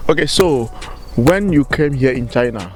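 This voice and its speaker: A man's voice: mid-range voice, lively intonation, moderate pace, soft background music. A man whose first language is French, hosting a casual street interview outdoors and speaking with fillers and restarts. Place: outdoors in an urban park.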